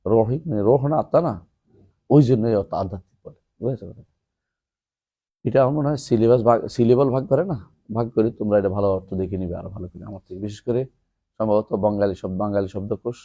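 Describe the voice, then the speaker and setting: A man, teaching a classroom lesson, asking his students questions and reciting Arabic verses slowly. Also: fairly low pitch, dark tone, dull audio. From Bangladesh. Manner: asks students questions and explains term by term. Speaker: teacher of an Islamic text class.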